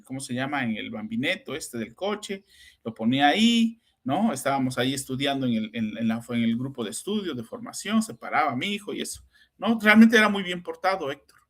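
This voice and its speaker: Brisk and lively in intonation, with a mid-range voice, a Mexican psychoanalyst in middle age tells stories conversationally on the podcast he hosts. His accent is Mexican Spanish, and he tends to end remarks with tag questions.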